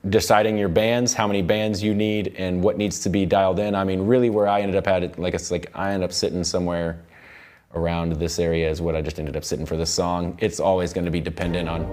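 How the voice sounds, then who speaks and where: A music production instructor, an American man in his thirties, runs a relaxed, loosely worded live tutorial from an indoor studio control room. He speaks quickly in a low, level, darkish voice.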